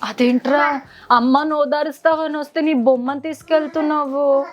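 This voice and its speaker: A woman's voice: sits high, steady tone, normal speed, lo-fi sound, music in the background. A young woman, a mother and vlogger, talking to her toddler at home in playful sing-song baby talk.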